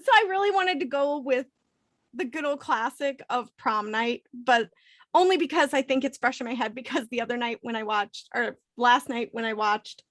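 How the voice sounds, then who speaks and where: A woman co-hosting a casual movie podcast, tipsy and giggly, telling stories with animated quoted asides. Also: a little high, normal speed, no echo, clean studio sound. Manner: drinking, tipsy. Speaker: podcast co-host. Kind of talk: casual chat about movies.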